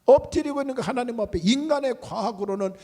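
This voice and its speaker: A man's voice: very high voice, fast, warm tone. A male pastor preaching a sermon with emphasis, often repeating his key words. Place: large church sanctuary. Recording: long church reverb.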